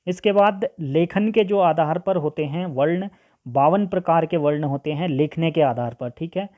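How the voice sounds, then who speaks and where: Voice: medium pitch, normal speed, narrow, tinny audio. A teacher giving an online grammar lesson, asking questions and answering them, sounding out vowels one by one, and checking in with "okay" after nearly every point. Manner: keeps adding "ठीक है" as a check-in; asks a question and then answers it.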